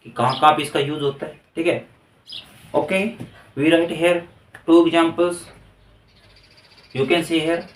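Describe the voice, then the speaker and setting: A man teaching a grammar lesson to a class, explaining step by step and often checking with "okay". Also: fairly high pitch. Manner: explains step by step, repeats "ठीक है". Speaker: English teacher. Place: classroom with students present. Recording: echoey room, voice from far off.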